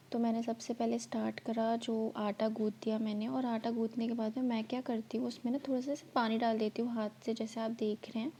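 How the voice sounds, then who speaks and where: A woman's voice: fairly high pitch, dark tone, slight background noise. Chatty woman with a slightly sore throat. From India. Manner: chatty, explains each step. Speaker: vlogger. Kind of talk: cooking vlog voice-over.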